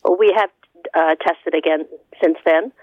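A woman in her seventies calling in to a radio show, halting and frustrated. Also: sits low, slightly rough, dry recording. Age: 70s. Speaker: caller. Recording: tinny phone line.

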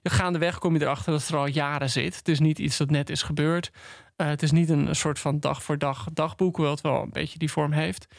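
Gravelly, halting male book critic. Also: fairly high pitch, steady tone, no echo, studio quality. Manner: halting, full of restarts and ums. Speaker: podcast co-host. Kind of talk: casual book discussion. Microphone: studio microphone.

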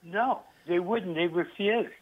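A man's voice: high-pitched, slow pace. A man from Toronto calling in to a radio talk show over the telephone, speaking bluntly and bitterly. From Toronto, Canada. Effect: heard over a phone line. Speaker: radio phone-in caller. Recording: tinny telephone line.

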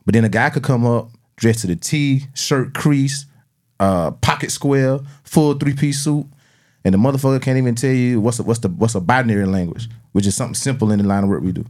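A man's voice: medium pitch, brisk, a little mellow. A man with a South Carolina Southern accent chatting and debating casually as a podcast host, using slang and swearing freely.

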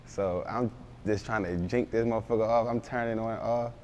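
A man's voice: fairly low pitch, steady tone, fairly quick, a little mellow, a little hiss or hum. A young man, a rapper, talking casually in an interview with loose, rambling street slang. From Baltimore, raised in Philadelphia.

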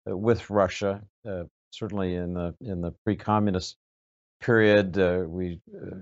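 A man with a deep, low voice moderates an interview with a guest, speaking in a formal register. His phrasing is measured and hesitant, his intonation fairly even, and the audio dull and lo-fi.

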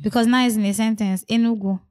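Young Nigerian woman, podcast co-host, a touch high, quick reactive quips. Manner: quick reactive quips, laughs often, Pidgin asides. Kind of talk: casual banter.

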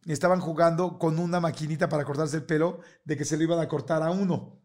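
A middle-aged Mexican man with a notably high voice tells a funny story in a relaxed chat. He is lively and animated, often breaks into laughter, and slips into other people's voices as he goes. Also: fast. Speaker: guest telling a story. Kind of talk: casual anecdote.

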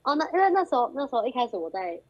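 Racing along in a high-pitched voice, a young female guest recounts a story during a casual group phone chat. The call audio is muffled and lo-fi, and she acts out the quoted lines with lively animation.

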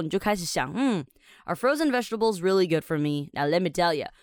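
A woman's voice: fairly low pitch, no room sound, clean studio sound. A woman from Taiwan, hosting a podcast lesson as an English teacher. She is upbeat and chatty and explains words step by step.

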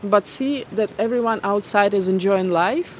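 A woman from Belarus with a Belarusian accent, answering reflectively in an interview and often pausing to search for her English words. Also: mid-range voice, a little hiss or hum. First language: not English.

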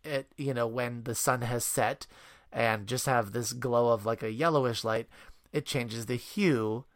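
A man's voice: mid-range voice, unhurried. A man speaking as a parent guest, telling rambling anecdotes in casual chat and laughing often.

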